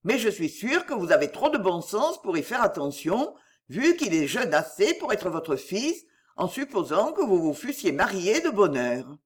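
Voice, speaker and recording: A blunt older gentleman makes stiffly polite remarks, as a reader puts him on. The tone stays close to the narration, lively and somewhat husky. It is an audiobook reading of a classic novel. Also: medium pitch, normal speed.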